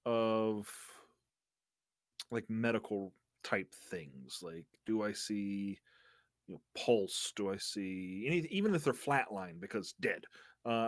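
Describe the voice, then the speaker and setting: A man's voice: fairly low pitch, no echo, clean studio sound. Man thinking aloud in a tabletop game. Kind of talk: casual tabletop role-play chat.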